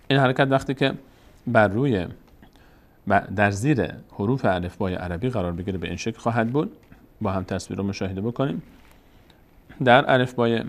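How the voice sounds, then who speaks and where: A man with Persian as his first language teaching Arabic reading in a recorded lesson, sounding out letters and words one at a time in a slow, deliberate way. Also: fairly low pitch.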